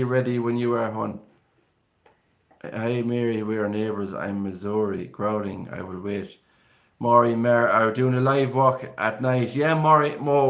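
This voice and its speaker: A man's voice: mid-range voice, fairly bright tone. A man from Galway with a west of Ireland accent hosting a live stream, chatting casually and reading out viewer comments in a rambling, conversational way.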